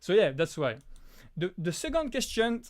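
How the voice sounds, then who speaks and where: A man's voice: sits high, big pitch swings, normal speed. Hesitant man hosting a live Q&A. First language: not English. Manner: hesitant, restarts often. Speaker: host. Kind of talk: live stream Q&A chat.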